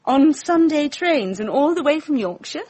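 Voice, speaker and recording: In a radio drama, an actress with a British accent plays a flippant, breezy young upper-class Englishwoman, her voice high-pitched, animated and somewhat dark in tone. She speaks at a moderate pace, wry and offhand, drawling her society slang.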